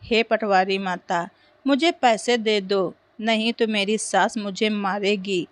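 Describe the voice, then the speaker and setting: A woman's voice: medium pitch, fairly even intonation, takes it slowly, no echo, natural voice. A woman voicing a timid, obedient young village daughter-in-law who speaks meekly and pleads, in a storybook reading. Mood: pleading. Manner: meek and pleading.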